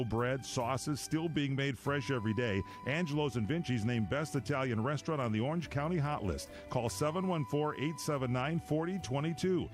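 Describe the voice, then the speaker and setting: A man reading a scripted radio advertisement in an upbeat, salesy way. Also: mid-range voice. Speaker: radio ad announcer. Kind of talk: scripted ad read.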